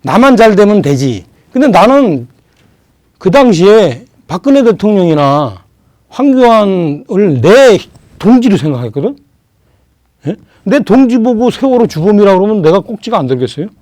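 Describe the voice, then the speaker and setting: Emphatic older male guest, mellow voice. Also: high-pitched, very animated, no room sound, clean studio sound. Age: around 60. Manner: emphatic, asks rhetorical questions, drawn-out pauses. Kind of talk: political talk show conversation.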